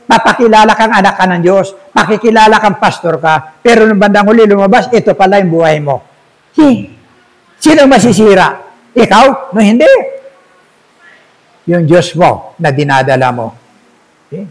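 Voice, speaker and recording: A man's voice: sits high, poor audio. A man, an older pastor, preaching a sermon and telling a story, often asking his congregation "see?".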